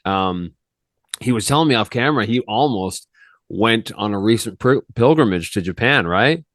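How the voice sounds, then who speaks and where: Male podcast host, lower voice, casual rambling delivery, dry close sound. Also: expressive, normal speed, fairly bright tone, no room sound. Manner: loose, rambling, slangy, with many restarts.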